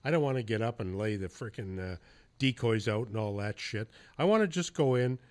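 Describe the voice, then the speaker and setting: This man's voice is lowish, animated and a little fast as he hosts a podcast. In a casual interview setting, he spins hunting yarns loosely, swearing now and then and laughing along the way.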